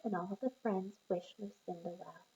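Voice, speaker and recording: A woman teacher reading a picture book aloud to young children, encouraging and pausing to ask them questions. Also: medium pitch, steady tone, mellow, highs cut off.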